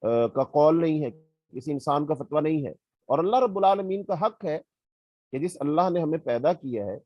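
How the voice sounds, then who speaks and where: Man, Pakistani Urdu accent, religious lesson, measured explaining, close dry mic. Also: on the high side, dry recording, muffled recording. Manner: measured, explanatory, recites Arabic verses. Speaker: hadith teacher. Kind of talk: religious lecture.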